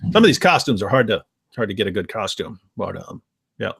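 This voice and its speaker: A man speaking as a guest on a live-stream discussion, emphatic and argumentative with quick asides. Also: lowish voice, very animated, creaky, a bit bright, husky, dry recording, studio quality.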